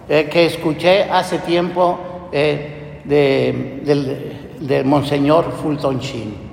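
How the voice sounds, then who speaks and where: A priest giving a sermon in a slow, measured way with pauses and fillers, slightly hoarse. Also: male voice, sits high, slight background noise. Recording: echoey church hall with faint ambience.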